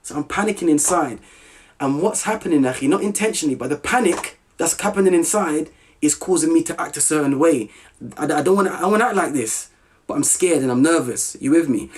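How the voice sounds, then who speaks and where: A man from Southeast London, with a South London accent, tells a personal story as a podcast guest in a lively, casual way, often checking that the listener is still with him. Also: a little high, a little fast. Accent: South London English. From Southeast London, England. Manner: animated, checks in often with "you with me?".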